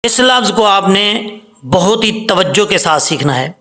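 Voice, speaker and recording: A man teaching Quran recitation, patiently spelling out syllables slowly and chanting the verses. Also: sits high, animated, pushed and bright. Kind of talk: tajweed lesson, spelling out and reciting words slowly.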